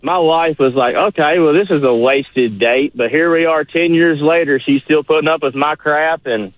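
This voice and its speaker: Calling in to a radio show, a man tells stories in a folksy, colloquial way. His voice is fairly high and moderately paced, with no room sound, coming through a tinny phone line.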